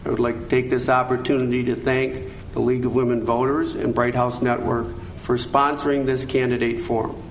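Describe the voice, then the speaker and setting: An older American man speaking in a measured, earnest and formal way, as a candidate at a forum. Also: mid-range voice, flat delivery. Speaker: judicial candidate, attorney. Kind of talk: formal prepared statements and answers at a candidate forum. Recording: echoey room, background noise.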